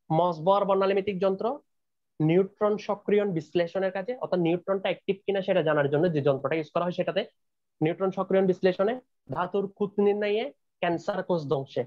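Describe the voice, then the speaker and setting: Fast-talking male teacher, lo-fi call. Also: sits high. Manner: repetitive, checks students often. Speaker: chemistry teacher. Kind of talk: online class lecture.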